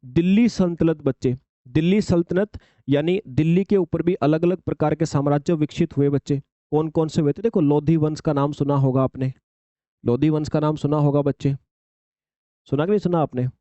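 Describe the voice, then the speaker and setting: Male teacher, exam syllabus lecture, warm mellow tone, dry close recording. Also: a little high, normal speed, dry recording, dull audio. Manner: addresses students as "children", repeats points, asks rhetorical questions.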